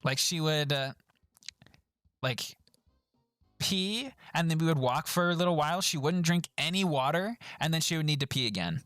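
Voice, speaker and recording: A young man chatting casually on a live stream as he reviews trip photos, laughing often and jumping into high voices when he quotes people. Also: lively intonation, moderate pace, fairly bright tone, no echo, soft background music.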